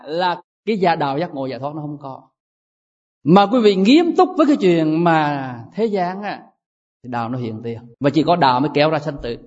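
A man, a Buddhist monk giving a lively, emphatic dharma talk. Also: a little high. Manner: lively, emphatic, playful storytelling. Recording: dull reverberant hall recording.

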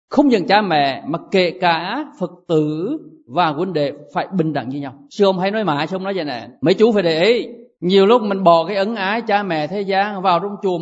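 Emphatic monk preaching. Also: male voice, a little high. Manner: lively, emphatic, playful storytelling. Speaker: Buddhist monk teacher. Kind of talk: dharma talk. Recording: dull reverberant hall recording.

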